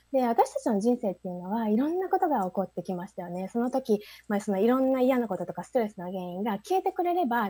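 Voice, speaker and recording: A woman giving a prepared talk to an audience, speaking softly with frequent fillers and posing questions to listeners. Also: fairly high pitch, husky, no echo.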